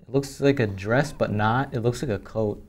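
A young man talks casually at a table as he opens trading cards. His voice sits at a middle pitch, and his speech is slangy, slowing and halting over names. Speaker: card box opening host. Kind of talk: casual chat while opening trading cards. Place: indoors at a tabletop.

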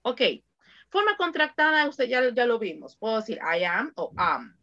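A woman's voice: on the high side, very animated, normal speed, sharp tone, highs cut off. A woman teaching an online English class, switching between English and Spanish to explain grammar and drilling her students with countdowns.

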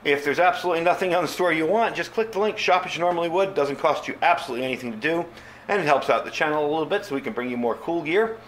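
Talking very fast in a slightly high, fairly bright voice, a man hosts an off-the-cuff product review on his channel. He chats casually with viewers he calls "folks," and a little hiss or hum can be heard.

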